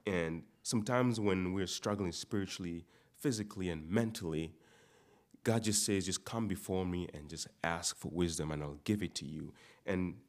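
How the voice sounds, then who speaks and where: A man from Uganda delivers a sermon in a very deep, low voice. He often repeats words and restarts phrases to press his points home. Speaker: preacher.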